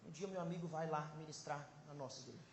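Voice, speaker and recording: A man, a pastor, preaching a sermon at a conference, swinging between loud exclamations and quiet, intimate passages. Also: on the high side, fast talker, reverberant, a little hiss or hum. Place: large conference hall.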